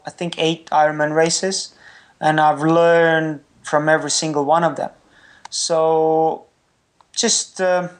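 A young Estonian triathlete, not a native English speaker, answers interview questions candidly and with good humour, sometimes pausing to find the right word. His voice is fairly high.

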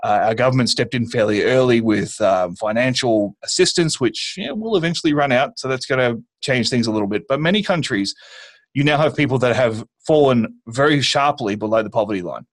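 A man's voice: mid-range voice, animated, a little fast. An Australian man speaking as a guest in a casual conversation, blunt and matter-of-fact with dry humor. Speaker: guest, violence management specialist.

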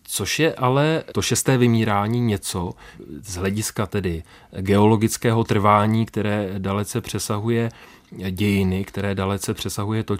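A man with a fairly low voice conducts a radio interview. He asks formal, carefully composed questions in an even, polite manner.

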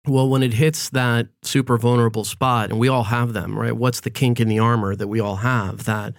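A man's voice: mid-range voice, flat delivery, moderate pace, dry recording, studio quality. A man in his forties, raised in Florida, talking reflectively in a casual podcast conversation, often checking in with "right?" and "you know". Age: 40s.

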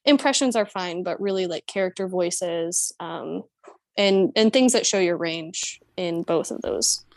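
A woman's voice: on the low side, measured pace, creaky, no room sound. A young adult woman, an actor, talking casually about her craft, full of "um" and "like". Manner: chatty, many fillers like "um" and "like". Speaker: actor and guest. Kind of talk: casual interview chat.

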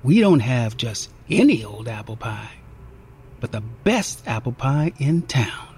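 A man's voice: sits high, very animated, slow pace, a little hiss or hum, full character voice. A man voicing a friendly young woman diner waitress with a faint Southern twang, chatty and teasing. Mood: conspiratorial.

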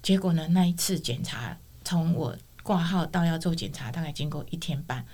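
Middle-aged lady telling her life story, lowish voice, does all the voices in her tale. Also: normal speed. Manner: expressive storyteller, acts out quoted dialogue. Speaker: guest sharing a testimony. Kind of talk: personal testimony storytelling.

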